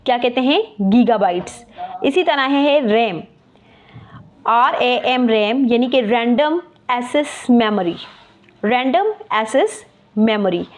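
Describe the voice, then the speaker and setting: A woman teacher explains a lesson slowly, spelling words out letter by letter and repeating key terms. Her voice is on the high side with lively intonation, captured in a muffled lo-fi recording.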